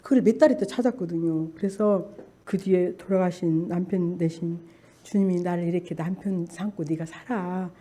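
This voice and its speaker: A woman's voice: fairly low pitch, steady tone, moderate pace, dark tone. Older church lady telling her testimony, earnest and fervent, pushing the crowd to speak up. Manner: earnest, fervent storytelling, exhorting listeners. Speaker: church deaconess giving testimony. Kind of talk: emotional spoken testimony.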